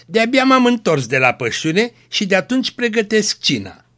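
A man voicing a gentle, pious young peasant woman in a read-aloud story, speaking softly and pleadingly. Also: high voice, very animated, voice pushed up. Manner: pleading, soft.

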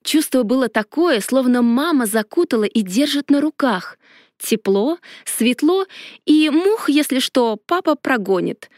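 A woman giving a lively, expressive first-person audiobook narration. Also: sits high, measured pace, dry recording, clean studio sound.

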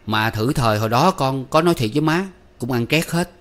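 A man voicing a young adult son who argues defensively with his mother, sheepish but quick to anger. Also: mid-range voice, lively intonation, pitched above the performer's own voice, natural voice. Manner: pleading, defensive.

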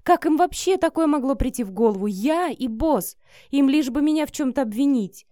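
This is an anxious, hurt young office worker who speaks plaintively and defensively in a storybook reading, pitched a bit above the narration, as a woman narrator puts her on. The sound is dry and close. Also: expressive, normal speed, dark tone, no room sound.

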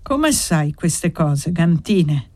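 A wary old countrywoman in a storybook reading, evasive and dryly ironic, given voice by a woman reader in a low register. She hushes and pleads. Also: big pitch swings, extremely slow, dry recording, exaggerated voice. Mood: anxious.

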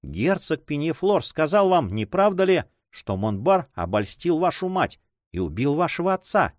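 Guy reading as a desperate innkeeper mother, pleading, pushy, lively voice, audiobook. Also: on the high side, moderate pace, dry recording, studio quality, voice pushed up. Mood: urgent. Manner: insistent, pleading.

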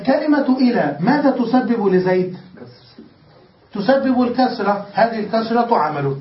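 A man teaching a grammar lesson in a classroom style, asking questions and answering them himself. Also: high-pitched. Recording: echoey, distant, dull lecture recording with faint hiss.

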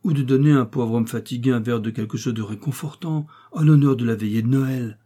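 Un colporteur rusé et costaud, joué par un homme dans un livre audio, à la voix insinuante puis brutale, un peu plus aiguë que celle du narrateur, au timbre sombre et voilé. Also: male voice, medium pitch, brisk, dark tone, lightly acted. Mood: wheedling. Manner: wheedling, then bullying. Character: sly burly male peddler, insinuating then harsh.

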